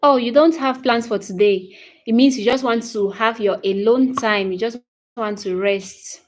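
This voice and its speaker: Speaking at a normal pace in a voice leaning high, a woman in her thirties with a Cameroonian English accent runs a relaxed live English class. She welcomes viewers by name, works through their comments individually, echoes her own phrases, and asks "okay?" to check understanding.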